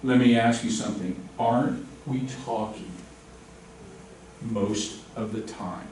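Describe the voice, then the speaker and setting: A man's voice: lowish voice, slow pace, a little mellow, slight background noise. A man teaching a real estate class, joking and quizzing the students as he lectures. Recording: very echoey room, distant mic.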